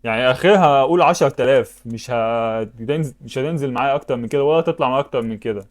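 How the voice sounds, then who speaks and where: Egyptian gaming YouTuber, male, rapid-fire talk, medium pitch, thinks aloud and exclaims. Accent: Egyptian Arabic. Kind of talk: casual commentary while playing web games.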